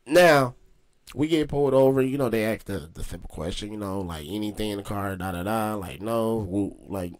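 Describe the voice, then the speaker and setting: A man's voice: on the low side, moderate pace. Slangy young man telling a story. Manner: slangy, animated, profane. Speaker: host. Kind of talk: casual storytelling.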